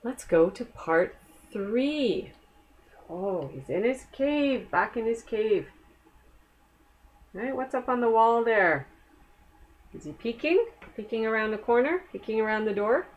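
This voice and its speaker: A woman with a fairly high voice, the highs cut off, reads a children's story aloud expressively. She pauses for chatty asides to explain things and ask the young listener questions.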